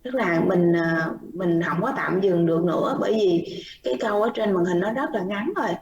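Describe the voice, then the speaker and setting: A woman with a lowish voice teaches pronunciation in an online class, patiently explaining errors and repeating words as models while mixing Vietnamese and English. She speaks at a moderate pace, and the highs are cut off in a roomy recording with a distant mic and faint noise.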